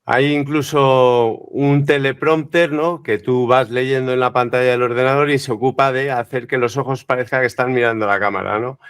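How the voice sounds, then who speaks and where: A man's voice: mid-range voice, fairly even intonation, moderate pace, hardly any pauses, clean tone. A man who hosts the interview, asking long questions with frequent "¿no?" tags. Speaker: interviewer host. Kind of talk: interview conversation.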